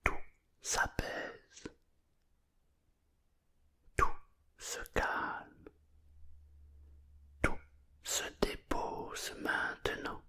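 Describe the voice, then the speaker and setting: Someone whispering a bedtime story, breathy murmur, really slow and soothing, asmr kinda thing. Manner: slow, soothing, hushed pacing with pauses.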